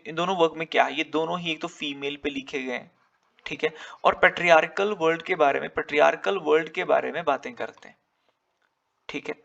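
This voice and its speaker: A man's voice: on the high side, vocal fry, fairly bright tone, lo-fi sound. A man with an Indian English accent teaching an exam-prep lecture, switching between Hindi and English and answering his own questions.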